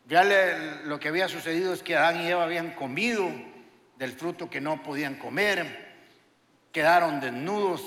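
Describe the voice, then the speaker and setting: An older man preaching a sermon, telling humorous stories in an animated way. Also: on the high side. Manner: animated storytelling with humorous anecdotes. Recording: echoey hall with long reverb.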